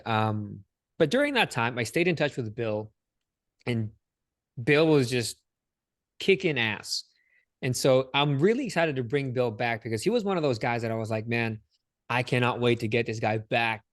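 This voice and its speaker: A man hosting a podcast in a relaxed, slangy way, with plenty of energy. His voice sits in an ordinary middle pitch. The sound is dry and close, with no room around it. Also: no room sound. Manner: energetic, slangy, says "dude" and "man" a lot. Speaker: podcast host. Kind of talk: casual interview chat.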